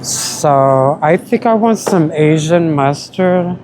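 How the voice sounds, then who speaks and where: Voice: medium pitch, animated, takes it slowly, background noise. A vlogger with an American country accent, chatting casually to viewers while shopping in a store and calling them y'all. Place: store, indoors.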